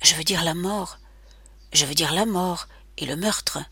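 A woman reading an audiobook and voicing a mysterious, desperate phone caller of unclear sex, in a whispery, mechanical, even tone. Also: lowish voice, a little slow, breathy edge, no echo, heavily acted.

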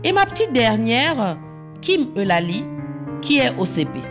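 A woman, calmly telling her life story in short, plain sentences. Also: a little high, a little slow. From Cameroon. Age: 40s. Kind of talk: personal testimony. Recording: soft guitar music underneath. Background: plucked guitar music.

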